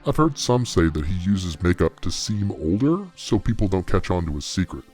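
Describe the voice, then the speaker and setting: Man with a disguised, pitched-down voice. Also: big pitch swings, normal speed, a little mellow, soft background music. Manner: chatty, gossipy, speculative. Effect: voice altered to disguise identity, pitched down deep. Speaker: anonymous talent agency insider. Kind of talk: comedic mock interview.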